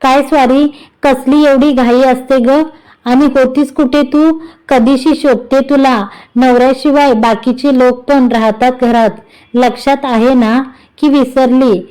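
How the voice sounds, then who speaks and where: A woman's voice: high-pitched, steady tone, a little slow, warm tone, clean tone, low-quality recording. A woman voicing a stern older woman of the household who scolds and gives orders, in a Marathi storybook reading. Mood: scolding. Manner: scolding, bossy.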